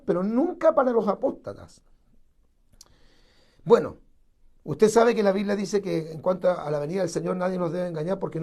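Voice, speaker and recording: A man's voice: high voice, mellow. A man preaching a sermon, emphatic and repetitive, piling up strong words. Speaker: pastor.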